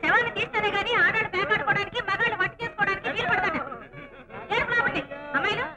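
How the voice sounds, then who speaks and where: An actress playing a bossy, scolding wife in a film comedy, with a sharp, commanding delivery. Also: female voice, extremely high pitch, racing, over a noisy crowd. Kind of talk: Telugu film comedy acting. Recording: film soundtrack with music underneath.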